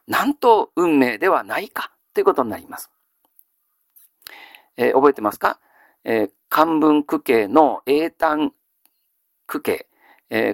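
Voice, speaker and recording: A male teacher giving a grammar lesson, asking questions and answering them himself, with frequent drawn-out fillers. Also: fairly high pitch, no echo, clean studio sound. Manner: steady lecturing with many drawn-out fillers; quizzes listeners then answers himself. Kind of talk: classical Chinese grammar lesson.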